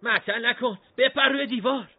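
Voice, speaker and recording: A man's voice: very high voice, voice pushed up. A man voicing a bold, cheeky teenage boy who urges his friend on in a brash way, on a dull, dry recording. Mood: urging. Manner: brash, urging.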